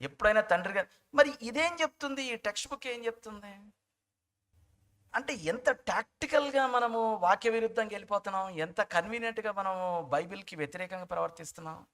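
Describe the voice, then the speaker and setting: A man's voice: high-pitched, a little fast, fairly bright tone. A man preaching a sermon as pastor, asking the congregation questions, prompting them to answer, and mixing English words into his talk. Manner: mimics other people's remarks in quoted asides.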